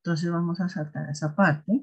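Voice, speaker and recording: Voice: medium pitch, steady tone, normal speed, slightly rough. An English teacher giving a recorded class explanation, patient and often stopping to check that students follow along. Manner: patient, checks understanding with repeated "¿listo?". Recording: dull lo-fi recording.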